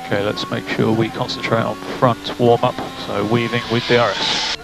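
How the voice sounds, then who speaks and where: A man working as race engineer, talking over team radio to a car on track. His voice is gravelly and sits at a middle pitch. He calls out gaps and instructions calmly and tersely. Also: normal speed, very noisy. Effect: team radio to the driver's car.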